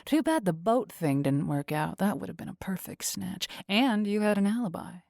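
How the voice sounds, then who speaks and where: A woman's voice: mid-range voice, expressive, normal speed, vocal fry, darkish tone, no echo, studio quality. A woman voicing a sneering, blunt male henchman in an audiobook. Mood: scornful. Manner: sneering, dismissive.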